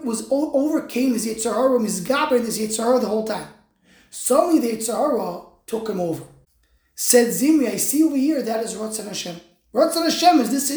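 Casting: female religious lecturer, higher-pitched, emphatic explainer, recorded in an echoing room. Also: warm tone. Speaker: religious teacher. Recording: roomy, echoing sound.

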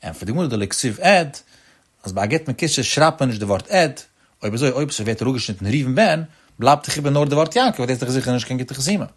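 A man giving an explanatory religious lecture as a teacher of religious law, speaking in a lilting, sing-song cadence with sudden rises in pitch and addressing his listeners directly as friends. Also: animated, fast, slightly rough.

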